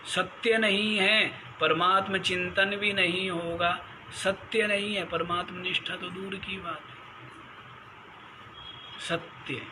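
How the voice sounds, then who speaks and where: This swami speaks in a high-pitched, steady voice at a slow pace against a noisy background. Teaching the Gita in a discourse on scripture, he chants Sanskrit verses and repeatedly poses rhetorical questions to listeners with a scolding, mocking edge.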